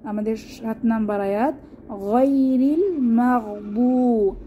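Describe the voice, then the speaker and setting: Woman teaching quran recitation, slow and patient, stretches words out, slightly high voice, faint background hiss. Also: phone-quality sound. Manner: slow, drawn-out demonstration of recited words between explanations. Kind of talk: step-by-step recitation lesson.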